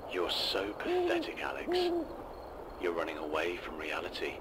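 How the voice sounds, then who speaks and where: A man's voice: deep voice, huge pitch swings, normal speed, heavily acted. A man voicing a cruel, mocking phantom that taunts in a hissing whisper in a horror game. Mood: menacing. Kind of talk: game voice acting.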